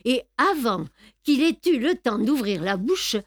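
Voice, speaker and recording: Slow, expressive woman audiobook narrator. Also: fairly high pitch, no room sound, studio quality. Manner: measured, expressive storytelling.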